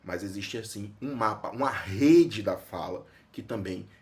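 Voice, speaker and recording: A man's voice: lowish voice, measured pace, darkish tone. A man with a Brazilian Portuguese accent, a neurologist teaching a topic and answering his own questions as he goes. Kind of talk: educational explainer.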